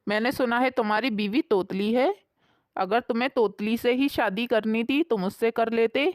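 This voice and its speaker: A snide young woman friend in a storybook tale, as a woman storyteller puts her on, teasing in a quick, light voice. Her speech is smooth and clear, with a dry, close sound. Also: fairly high pitch, no echo, natural voice. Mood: mocking. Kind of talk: storybook voice acting.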